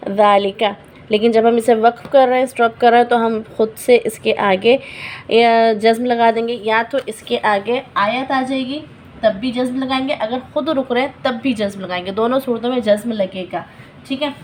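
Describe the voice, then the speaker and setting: A woman teaching Quran recitation rules in a patient lesson. She repeats each example word slowly and checks in her learners often. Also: a little high, fairly even intonation, slight background noise.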